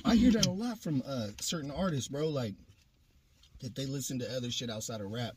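A man's voice: mid-range voice, a little fast, a little mellow, slight background noise. A middle-aged man hosting a casual podcast interview, asking questions in laid-back street slang. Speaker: podcast host.

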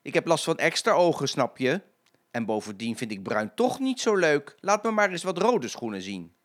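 A man's voice: high-pitched, animated, a little fast, pitched above the performer's own voice. Grandpa putting on a fussy, demanding lady. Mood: complaining. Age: older.

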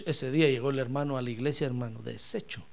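A man's voice: medium pitch, fast, creaky. A man preaching a sermon, speaking emphatically and often calling his listener brother.

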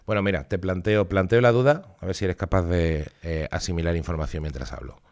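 A man co-hosting a casual comedy podcast, deadpan and self-deprecating, laughing as he talks. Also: low-pitched, a little fast. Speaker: podcast co-host.

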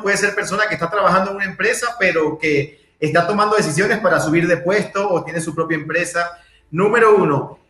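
A man speaking as a guest, giving a direct, emphatic motivational talk with lively examples. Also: on the high side, roomy sound.

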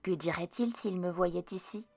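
A woman's voice: lowish voice, moderate pace, creaky, darkish tone, husky, soft background music. A woman reading a storybook aloud and voicing a greedy, fretful little girl. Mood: scheming.

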